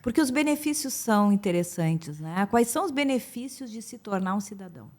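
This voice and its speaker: A woman co-hosting an interview, asking short questions and adding quick affirmations. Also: mid-range voice, lively intonation, darkish tone. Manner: brief prompts and affirmations.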